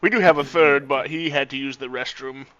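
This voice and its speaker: Bright-voiced man on a dull mic. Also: mid-range voice, brisk, no room sound. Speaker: player. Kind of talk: tabletop game play.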